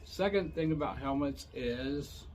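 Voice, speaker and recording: A man's voice: on the high side, a little slow, a little mellow, a little hiss or hum. An older man hosting a casual explainer, talking in an informal, matter-of-fact way. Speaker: host of a motorcycle safety series.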